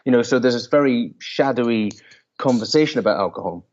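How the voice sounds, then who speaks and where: A man's voice: medium pitch, lively intonation, brisk, darkish tone, dull audio. A man from the west coast of Scotland with a Scottish accent, telling his story conversationally as an interview guest. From island off the west coast of Scotland. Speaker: podcast guest, entrepreneur and broker.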